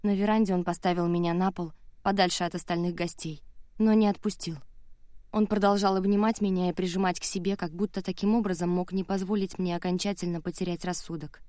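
A woman narrating a novel in the first person with steady, even reading. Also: on the low side, a little fast, dry recording, clean studio sound. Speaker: audiobook narrator.

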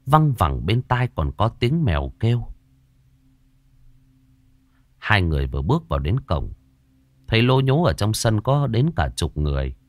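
Man reading a ghost story, low voice that swings up and down a lot, dry close sound. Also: very animated, normal speed, pauses often, no room sound. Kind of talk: scripted horror narration.

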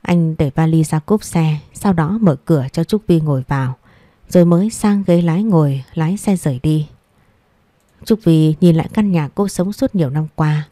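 A woman narrating a romance audiobook in an even, steady reading voice. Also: sits low, normal speed, dry recording.

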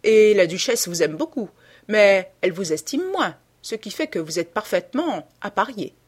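A woman's voice: medium pitch, expressive, normal speed, breathy edge. A woman reading a cynical witty lord. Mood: ironic. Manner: languid, ironic epigrams.

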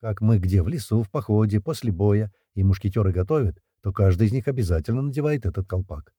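A man narrating a first-person story in a lively, wry, slangy way. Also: fairly low pitch, quick pace, husky, no room sound, studio quality. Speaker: audiobook narrator.

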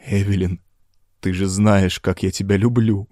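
A man's voice: fairly low pitch, normal speed, darkish tone, no echo, natural voice. A tormented young husband, voiced by a male reader, speaks in a grim, shaky tone close to the reader's own voice. The recording is dry and close. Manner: grim, trembling.

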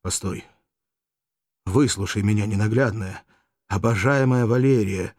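A man voicing a despairing young gladiator who speaks haltingly, his voice broken by grief. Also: on the low side, darkish tone, dry recording, clean studio sound. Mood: imploring.

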